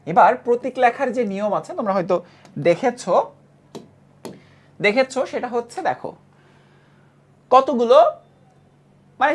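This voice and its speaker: Bangladeshi lady teacher, keeps repeating stuff and asking the class quick questions. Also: fairly high pitch. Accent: Bangladeshi Bengali. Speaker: chemistry teacher. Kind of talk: classroom lecture.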